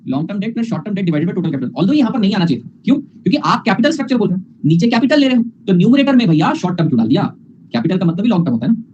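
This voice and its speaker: A man lecturing at a quick clip in a fairly high voice, drilling formulas by repeating them and teasing his students, whom he calls "beta". The sound is dull and slightly lo-fi, with faint noise underneath. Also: very animated, darkish tone. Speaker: teacher. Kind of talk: online finance lecture.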